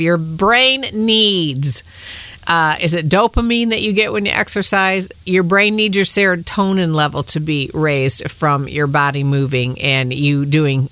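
A woman's voice: lowish voice, sharp tone, no echo. A middle-aged woman hosting a podcast, giving an upbeat, encouraging motivational talk straight to her listeners. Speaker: podcast host.

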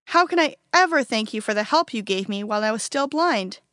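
A woman's voice: fairly high pitch, expressive, a little fast, a bit bright, no echo, studio quality. A woman reading the part of an earnest, once-blind man in a storybook, speaking plainly and insistently. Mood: humble. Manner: insistent, matter-of-fact.

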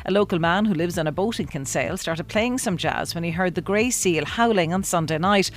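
A woman's voice: on the low side, fairly quick, a little hiss or hum. Irish woman reading the news. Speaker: news presenter.

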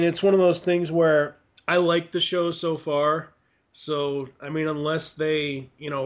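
A man co-hosting a casual podcast chat, speaking hesitantly with many stammers and restarts. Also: a little high. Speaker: podcast co-host. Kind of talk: casual chat reviewing a cartoon series.

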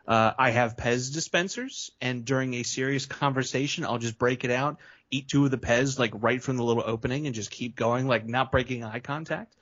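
A man's voice: medium pitch, a bit bright. A man chatting casually over a video call, telling rambling, self-mocking stories. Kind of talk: casual chat. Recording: slightly muffled sound.

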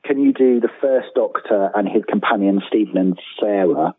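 A freelance writer speaks casually as an interview guest, rambling, self-deprecating and often restarting sentences. His voice is on the low side and slightly rough at a moderate pace, heard over a tinny, phone-like line with room echo.

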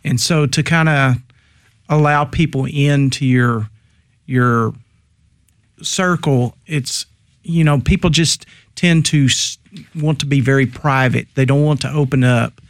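A man, giving conversational interview answers as a business coach in a halting, measured way. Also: mid-range voice, fairly even intonation, no echo, studio quality. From Texas, United States.

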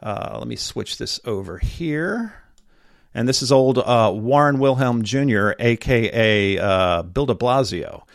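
A man's voice: medium pitch, animated, unhurried, gravelly, dry recording, studio quality. A man hosting a political talk radio show, urging listeners to act locally in an urgent, rallying way.

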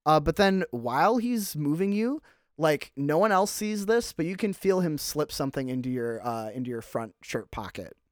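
A man's voice: on the high side, expressive, moderate pace, dry recording, clean studio sound. A man narrating a tabletop game as game master, casual with many fillers.

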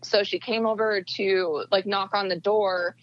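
A woman's voice: mid-range voice, steady tone, measured pace, highs cut off. A young woman telling a personal story in casual chat, with quoted dialogue and plenty of fillers. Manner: tells events with quoted dialogue, many fillers. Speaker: podcast guest.

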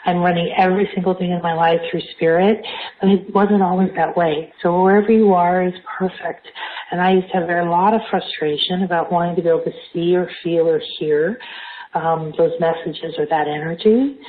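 A woman's voice: lowish voice, fairly even intonation, a little fast, slight background noise. Phone-line woman leading spiritual group coaching. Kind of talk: live group coaching with guided meditation. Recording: thin, phone-like call audio.

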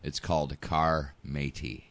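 A man's voice: rumbling low, level tone, slow pace, fairly bright tone. A man co-hosting a radio talk show, teasing his colleague. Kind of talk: casual studio chat.

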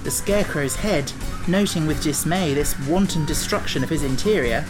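A woman narrating a children's fantasy audiobook in a measured, even reading. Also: sits low, music in the background. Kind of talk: scripted storybook narration.

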